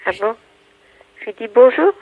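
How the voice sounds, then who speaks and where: A woman's voice: fairly high pitch, expressive, normal speed. A woman on the phone, trusting and answering in brief replies. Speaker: prank call target. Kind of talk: phone conversation. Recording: muffled phone line with faint hiss.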